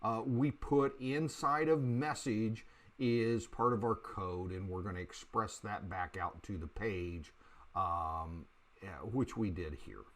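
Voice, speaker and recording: A man teaching a beginner programming lesson over a screen recording, talking in a halting way with many fillers and restarts. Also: fairly low pitch, fairly bright tone.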